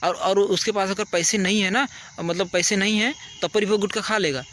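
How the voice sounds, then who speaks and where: A man's voice: high-pitched, fairly even intonation, brisk, fairly bright tone. A man, a teacher giving children earnest, repetitive advice outdoors at night. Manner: earnest, repeats "ठीक है" to check understanding. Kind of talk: casual advice talk to children.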